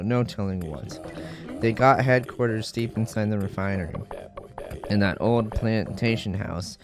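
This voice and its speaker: A man voicing a gruff, chatty older man who speaks bluntly. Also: lowish voice. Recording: faint game music behind.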